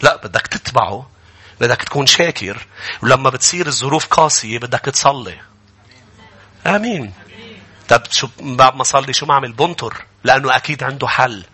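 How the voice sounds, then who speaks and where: A man with a Lebanese accent, a pastor delivering an animated sermon and acting out grumbling people. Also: medium pitch, a little fast, slightly rough.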